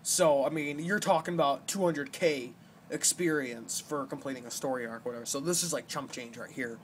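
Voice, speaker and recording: A young man with a mid-range voice hosts a gaming video, giving casual gameplay commentary and explaining things in a halting, rambling way. It sounds like a noisy amateur home recording.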